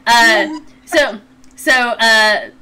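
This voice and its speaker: A woman running a tabletop game as game master, improvising the narration in a playful, halting way. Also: on the high side, sharp tone. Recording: faint background noise.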